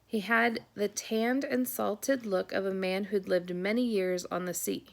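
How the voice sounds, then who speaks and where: A woman narrating an audiobook chapter in a steady, descriptive reading manner. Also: medium pitch, unhurried, creaky.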